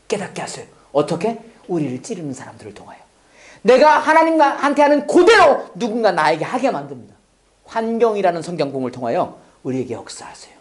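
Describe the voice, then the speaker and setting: A male pastor preaching a sermon. He acts out quotes, sometimes shouts, and sometimes drops to a near whisper. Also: sits high.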